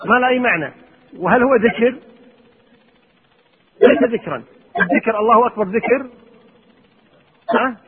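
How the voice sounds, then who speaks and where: A man's voice: extremely high pitch, normal speed, pauses often, husky. A man teaching Islamic law, reading lines from a text and explaining them with questions to his students. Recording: tinny phone-like audio with long hall reverb.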